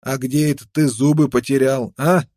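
A man's voice: medium pitch, steady tone, moderate pace, darkish tone, no room sound, studio quality, natural voice. A man voicing a menacing, contemptuous young frontiersman with a knife, snarling threats in an audiobook. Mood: threatening.

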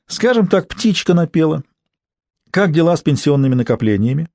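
A man reading an audiobook, voicing a wealthy older gentleman who talks in a smooth, sly, teasing way. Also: on the high side, very animated, moderate pace, no room sound, pitched above the performer's own voice.

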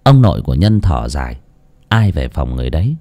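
Expressive man narrating. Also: a bass voice, brisk. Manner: dramatic, expressive. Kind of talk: audiobook horror story narration. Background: faint music.

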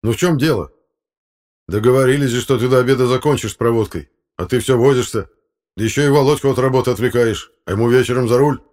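Here a man plays an irate, indignant village council chairman who issues threats. He talks at a normal speed in a mid-range voice, raised slightly above his own natural pitch yet still close to everyday speech.

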